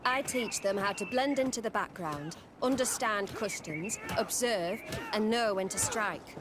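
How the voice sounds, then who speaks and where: In this video game cutscene, an actress voices a disciplined female military instructor, formal and respectful. Her medium-pitched delivery is unhurried and lightly acted. Outdoor ambient noise runs through the whole recording.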